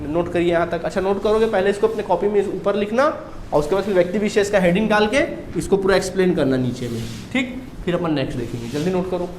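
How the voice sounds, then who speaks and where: A man's voice: high-pitched, fast talker, a little mellow, reverberant, slight background noise. A man teaching a commerce class, drilling students with repeated questions and answers. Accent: Chhattisgarhi Hindi. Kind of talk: classroom lecture.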